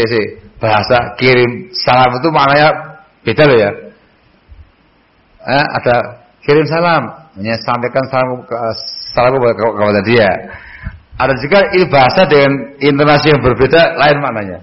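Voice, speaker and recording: A man teaching a hadith book in a mosque, chatting with his audience and quizzing them, and chanting the Arabic passages louder. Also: medium pitch, a little fast, dull audio. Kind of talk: mosque study lecture.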